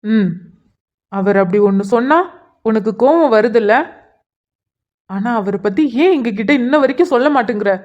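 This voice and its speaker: A woman's voice: a little high, animated, normal speed, long pauses, a little mellow, lo-fi sound, lightly acted. A woman voicing an earnest young man who keeps pressing his elder sister with pleading, insistent questions in a cartoon. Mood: upset. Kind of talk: cartoon voice acting.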